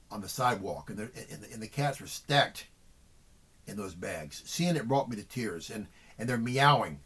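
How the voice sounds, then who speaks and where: A middle-aged man talking earnestly to his viewers in a vlog monologue, repeating words and restarting sentences often. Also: medium pitch. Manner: earnest, repetitive, with frequent restarts. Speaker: vlogger. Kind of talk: emotional monologue to camera.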